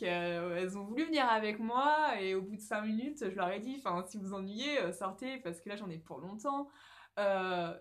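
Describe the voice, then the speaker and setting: Woman, young adult, from France, casual vlog chat, rambling, many fillers, home phone recording. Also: medium pitch. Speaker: knitting vlogger. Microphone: phone or camera recording at home.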